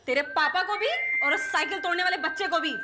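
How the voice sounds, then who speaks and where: A woman's voice: extremely high pitch, fast talker. An actress playing a bossy, combative mother in a TV sitcom who scolds and picks fights. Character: loud, bossy, quarrelsome middle-aged mother. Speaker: mother of a neighbor boy. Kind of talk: TV sitcom acting. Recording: loud background music track.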